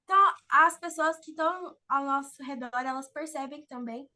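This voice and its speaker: A woman leads an informal online lecture. Her voice sits high and sounds bright and sharp. She talks expressively and acts out the voices in her examples. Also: moderate pace. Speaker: speaker giving an online talk on public speaking.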